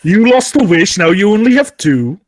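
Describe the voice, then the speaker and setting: A man voicing a grandiose genie, proclaiming theatrically with drawn-out words in a tabletop game. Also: high voice, sing-song, no echo. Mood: bossy. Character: grandiose male genie freed from a lamp.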